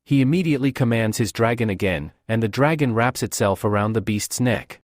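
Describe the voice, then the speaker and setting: A man narrating a comic recap in an even, storytelling delivery. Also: medium pitch, a little fast, no echo, clean studio sound.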